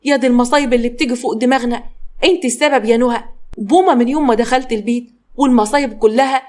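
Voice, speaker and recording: A woman voicing a scolding young wife with an Egyptian accent, sharp and insulting. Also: a little high, very fast, lightly acted. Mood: furious. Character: shrill, scolding young wife who throws out her mother-in-law.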